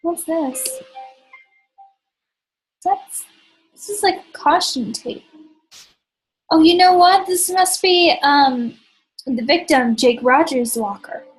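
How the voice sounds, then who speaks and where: A woman's voice: sits high, slow pace, long pauses, soft background music, rough recording. A woman hosting a let's play, chatting as she plays, thinking aloud, and tossing in sarcastic asides. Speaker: gaming channel host.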